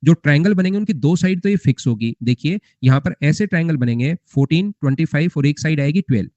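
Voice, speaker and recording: A man's voice: a little high, animated, quick pace, warm tone, no echo. A young man teaching a math class live, repeating points and quizzing his students with rhetorical questions. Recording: muffled lo-fi recording.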